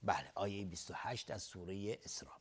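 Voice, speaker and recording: Man teaching recitation rules. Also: sits low. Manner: recites verses slowly and louder, then explains rules quickly and quietly; clears throat now and then. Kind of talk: tajweed lesson, alternating slow chanted recitation with quick spoken explanation.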